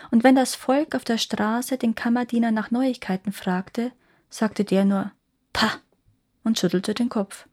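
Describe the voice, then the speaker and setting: A woman reading a fairy tale aloud as a storyteller, expressive and sinking into hushed tones at quiet moments. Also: mid-range voice, breathy edge.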